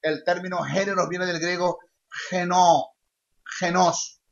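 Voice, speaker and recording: Emphatic high-voiced male preacher. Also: level tone, slow pace, creaky. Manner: emphatic, repeats key phrases, mimics babbling mockingly. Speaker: preacher and Bible teacher. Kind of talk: sermon teaching. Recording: dull lo-fi sound.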